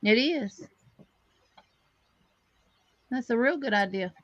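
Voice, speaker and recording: A woman co-hosting a live crochet show chats casually in a plainspoken way, full of fillers. Her voice is fairly high and expressive, and she speaks slowly. The recording is dry and the audio dull.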